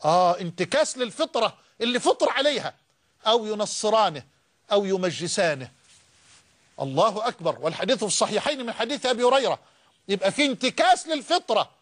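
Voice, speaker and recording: A man preaching a sermon in an Egyptian accent, building to emphatic repeated phrases and slowing to recite scripture. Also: sits high, expressive, a bit bright. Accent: Egyptian Arabic. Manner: impassioned, rising emphatic repetitions; slow drawn-out recitation of scripture.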